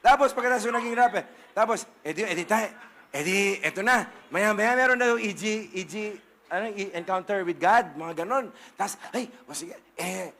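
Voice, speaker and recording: A Filipino male pastor giving a humorous, playful testimony sermon, with bursts of shouting. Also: high voice, normal speed, vocal fry, noisy background. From Philippines.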